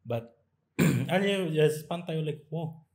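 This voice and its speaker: A man co-hosting a relaxed podcast conversation. He tells his stories in an animated way and slips into playful impressions of other people. His voice sits at an ordinary middle pitch for a man. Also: measured pace. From Zamboanga, Philippines. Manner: animated storytelling with playful mimicry. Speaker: podcast co-host. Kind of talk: casual chat.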